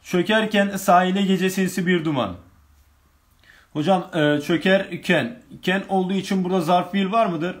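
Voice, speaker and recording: A man's voice: sits high, fairly even intonation, moderate pace. A male teacher running an online grammar lesson, reading exam questions aloud and working through each answer step by step with his students.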